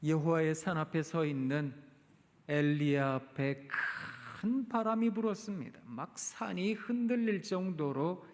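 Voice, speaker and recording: A man preaching a sermon in a church sanctuary, retelling a story dramatically and slowing down for emphasis. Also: on the high side, slight background noise. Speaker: guest preacher, professor. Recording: echoey church hall.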